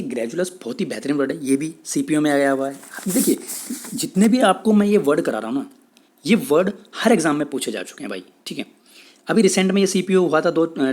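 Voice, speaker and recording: A man with an Indian English accent teaching exam vocabulary in a Hindi-English lecture, repeating himself often and saying English definitions slowly. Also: fairly high pitch, darkish tone. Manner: repetitive, checks in with "theek hai", says English definitions slowly.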